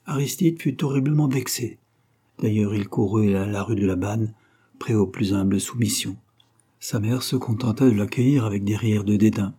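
A man reads a classic novel aloud in measured, expressive audiobook narration. His voice is low, dark and husky.

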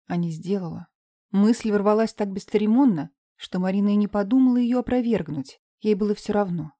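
Mellow woman narrating, calm and measured. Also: mid-range voice, dry recording, studio quality. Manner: calm, measured, subdued reading. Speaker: audiobook narrator. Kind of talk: scripted narration.

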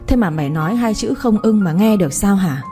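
A woman's voice: medium pitch, lively intonation, a little fast, warm tone, faint music behind, lightly acted. A woman voicing a bossy, scheming middle-aged stepmother who scolds and wails theatrically in a storybook reading. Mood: scolding.

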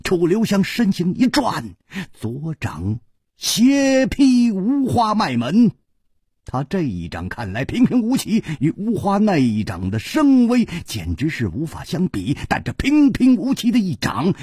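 A man's voice: sits high, huge pitch swings, normal speed, hardly any pauses, darkish tone, husky, dry recording, clean studio sound. A man telling a martial-arts story with dramatic, swinging delivery.

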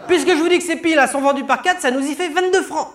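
A man voicing an impatient, exasperated female shop cashier who yelps her lines in a shrill falsetto. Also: fast, reverberant, lightly acted. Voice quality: shrill, yelping. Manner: snappish and impatient. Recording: live stage recording with faint audience noise.

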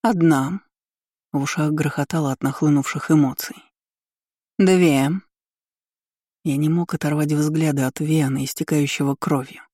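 A man narrating a first-person fantasy novel as an audiobook, with a steady, dramatic reading close to the mic. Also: a little high, brisk, hardly any pauses, slightly rough, no room sound.

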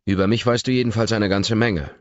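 A man's voice: lowish voice, expressive, moderate pace, slightly rough, no room sound, muffled recording, voice pushed up. A man voicing an intense, controlling rich young man, with a pressing, urgent way of talking in an audiobook reading. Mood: pressing, agitated.

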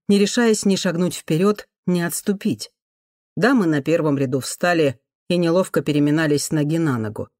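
Even, measured audiobook narrator. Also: medium pitch, dry recording, studio quality.

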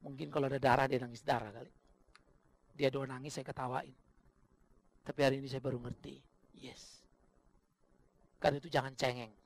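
A middle-aged Indonesian man preaching a sermon, swinging from loud emphatic bursts to low, confiding asides. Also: level tone, a little fast, pauses often. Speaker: pastor.

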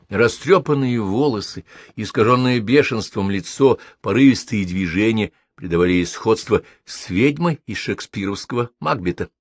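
A man's voice: fairly low pitch, no echo. A man reading a novel aloud as narrator, wry and ironic. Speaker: audiobook narrator. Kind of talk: literary audiobook reading.

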